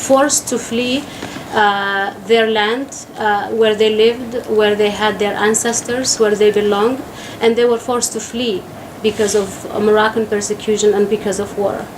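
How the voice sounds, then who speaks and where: A woman in her thirties from refugee camps in Algeria, an activist giving a public statement in an earnest, halting way with frequent pauses. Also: fairly high pitch, fairly even intonation. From Sahrawi refugee camps in Algeria. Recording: echoey room with faint noise.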